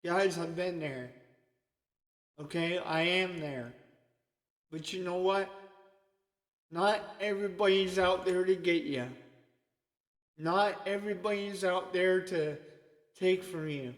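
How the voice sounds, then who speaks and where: This is an informal sermon for an online audience, delivered by a man whose high-sitting voice moves slowly with long pauses. He keeps a chatty tone and repeatedly checks in with "okay?", all under a long, echoey reverb.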